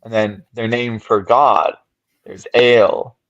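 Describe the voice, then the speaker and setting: A man's voice: fairly low pitch, steady tone, takes it slowly, fairly bright tone, highs cut off. A man on a podcast talking through ideas at length in casual discussion, often checking in with "right?". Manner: thoughtful, explains at length with frequent "right?". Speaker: podcast co-host.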